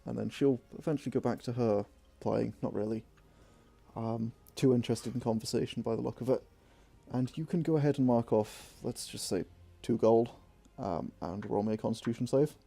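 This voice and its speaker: A man narrating as game master in a relaxed, chuckling way. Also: mid-range voice, moderate pace, vocal fry, breathy edge.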